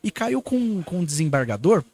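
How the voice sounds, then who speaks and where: A husky-voiced man with a Brazilian Portuguese accent tells a story in an animated podcast chat. He speaks in a fairly high voice and acts out the dialogue he quotes. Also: normal speed. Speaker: lawyer guest.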